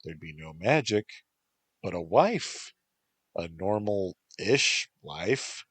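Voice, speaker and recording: A man narrating a story in a measured, even reading. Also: low-pitched, breathy edge, no echo.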